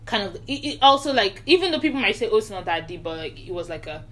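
A young Nigerian woman with a mid-range voice talks fast as she co-hosts a casual podcast. In this relaxed chat, she shares her story in an earnest, reflective way.

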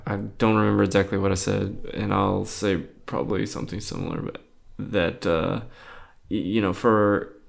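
A young man, an artist guest on a podcast, talking casually in halting, rambling sentences full of fillers. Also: fairly low pitch, gravelly. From Boston area. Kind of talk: casual interview chat.

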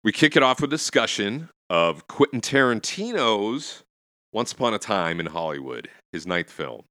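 A man's voice: on the low side, very animated, normal speed, pushed and bright, no echo, clean studio sound. A man hosting a podcast, chatting casually about film in a rambling, conversational way. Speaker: podcast host.

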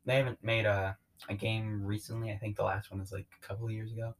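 A man with a slightly low voice co-hosting a casual chat. He drops offhand comments in a relaxed, easygoing way and chats as if to an old friend. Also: fast, rough recording. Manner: laid-back, offhand remarks. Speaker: podcast co-host.

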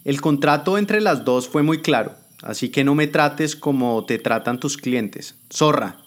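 A man's voice: fairly high pitch, a little slow, voice pushed up, natural voice. A man voicing a frightened, captive woman adviser who protests and pleads, in a dramatic spoken story. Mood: pleading. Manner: pleading, indignant.

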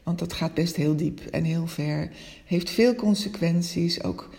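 A coach and podcast host, this woman delivers a personal, reflective monologue gently and openly, at a measured pace in a lowish voice with gravelly fry. Now and then she stutters or searches for a different word, and the recording carries a long, lingering reverb.

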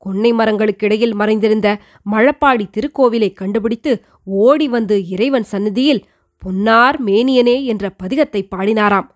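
A woman's voice: a little high, natural voice. A woman voicing an elderly, devout queen mother who earnestly recounts her past to her son in an audiobook reading. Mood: reminiscing. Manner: earnest, measured storytelling. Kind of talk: audiobook reading of a historical novel.

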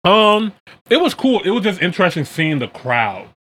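A man's voice: high-pitched, very animated, normal speed, bright, forceful tone. An American man hosting a podcast, chatting casually in a colloquial, slangy way. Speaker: podcast and reaction video host. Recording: clear background noise.

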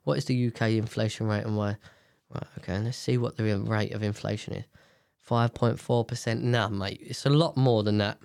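A British man hosts a loose, rambling news commentary, blunt and full of swearing, his nasal voice congested from a sinus infection that has blocked his nose. He speaks at a moderate pace in a lowish, gravelly, slightly mellow voice with fairly even intonation. The recording is dry and clean, with a studio sound.

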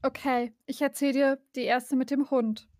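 A woman's voice: high voice, steady tone, moderate pace, darkish tone, no room sound, clean studio sound. A young woman with a laid-back, slangy way of talking, chatting and telling a short campfire story.

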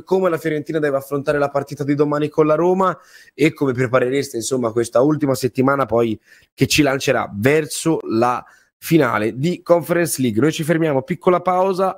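A man hosting a sports radio show in a conversational, halting way, often correcting himself as he goes. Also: fairly high pitch, dry recording, studio quality. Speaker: radio host.

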